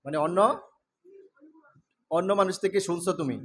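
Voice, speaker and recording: A man teaching English to a room of schoolchildren, asking questions and calling out letters loudly. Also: high voice, normal speed, husky. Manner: calls out questions and drills the class, often loudly. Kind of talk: classroom lecture to students. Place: classroom with pupils.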